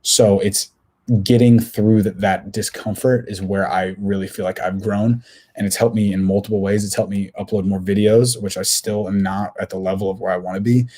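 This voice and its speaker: A young man in his twenties hosts a solo podcast. His voice sits fairly low and warm, with a flat, even delivery. He rambles candidly and keeps second-guessing himself. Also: normal speed. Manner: candid, rambling, self-questioning. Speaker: podcast host. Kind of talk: casual solo podcast monologue.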